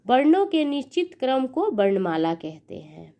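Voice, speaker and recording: A woman's voice: high voice, very animated, moderate pace, dark tone. A young woman teaching a grammar lesson, spelling words sound by sound and counting each sound aloud. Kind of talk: slow explanatory grammar lesson.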